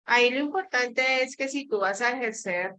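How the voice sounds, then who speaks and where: A woman moderating an online parenting session, giving calm, measured advice. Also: a little high, poor audio.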